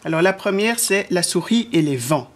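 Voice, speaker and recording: A woman in her forties reading a children's storybook aloud, slowly and expressively. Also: on the low side, expressive. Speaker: reader of a children's book.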